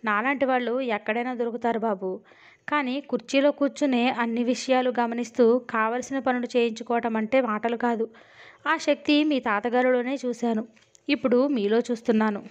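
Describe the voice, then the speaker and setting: A woman's voice: on the high side, steady tone, normal speed, lightly acted. Woman reading an earnest, respectful older foreman, storybook style, lo-fi audio. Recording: dull lo-fi audio.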